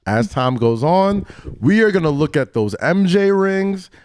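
A man's voice: sits high, expressive, measured pace, darkish tone, smooth, dry recording. A young man with a New York accent, co-hosting a podcast and arguing his point in casual debate, teasing and talking over his co-host.

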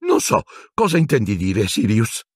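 A man voicing a cowering, rat-like wizard with a shrill, squeaky voice who pleads and stammers breathlessly. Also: sing-song, normal speed, slightly rough, no echo, clean studio sound, full character voice. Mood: pleading.

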